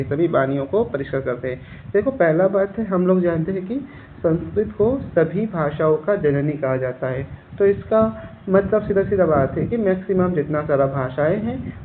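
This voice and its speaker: A fairly high-voiced man teaches a class lesson, reading each line out slowly and then explaining it patiently, often repeating himself. The sound is thin and phone-like, with a faint hiss behind him.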